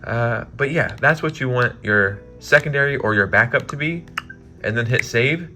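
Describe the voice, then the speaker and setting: A gaming YouTuber gives console tips in a casual vlog, his medium-pitched voice bright, forward and animated at a normal speed. He's upbeat and chatty, says "like" constantly and laughs at his own slips. Soft music plays faintly in the background.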